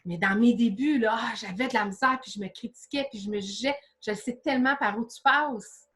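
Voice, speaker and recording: A woman's voice: fairly high pitch, fairly quick, fairly bright tone. A woman with a Québécois French accent runs a motivational live session for an online audience. She speaks in a familiar, chatty manner, peppering listeners with direct rhetorical questions and coaxing them along. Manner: familiar, chatty address with many fillers like "là". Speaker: business coach.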